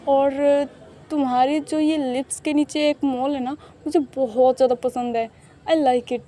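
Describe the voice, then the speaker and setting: A sweet young man, easily flustered and quick to tears, put on by a woman telling a storybook romance. His voice sits high and soft, and he gushes with shy delight, mixing in English phrases. The tone is mellow rather than bright. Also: steady tone. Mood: bashful. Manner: bashful, gushing, mixes English phrases.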